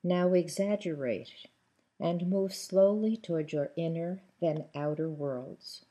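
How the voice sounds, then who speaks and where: A woman guiding a breathing and centering exercise, speaking calmly with long pauses between instructions. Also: fairly low pitch. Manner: calm, slow, soothing delivery with long pauses.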